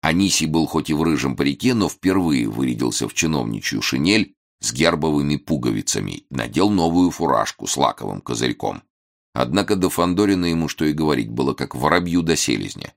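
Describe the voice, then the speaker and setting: Very deep, gravelly male audiobook narrator. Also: animated, fairly quick.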